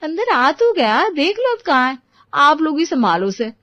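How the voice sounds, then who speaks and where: A bossy, sassy young daughter, played by a woman for a storybook tale. Her voice sits fairly high. The recording is dry and a little dull. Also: sing-song, normal speed, fairly bright tone, no room sound. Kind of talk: storybook voice acting.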